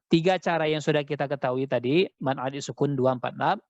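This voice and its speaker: A man teaching Quran recitation in an online class, chanting verses slowly and then explaining them quickly, heard over dull call audio. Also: medium pitch, dry recording. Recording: dull, lo-fi dry sound.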